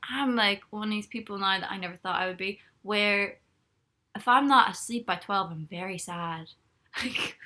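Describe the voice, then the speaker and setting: Lying in bed in her bedroom, a young livestreamer from Ireland chats and rambles as she reads out comments from viewers. She speaks in a bright, forceful, mid-range voice.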